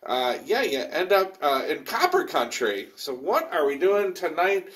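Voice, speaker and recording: A man's voice: a little high, big pitch swings, measured pace, a bit bright. A man hosting a casual live virtual program from underground in a mine, talking in a folksy, rambling way. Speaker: host and president of a rail education group.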